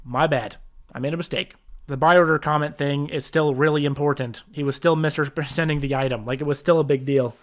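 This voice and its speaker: This reaction commentary features a man whose voice is a little high, fairly quick, and fairly even in intonation. Watching a video about himself, he counters each point with defensive exasperation, often breaking off and starting sentences over.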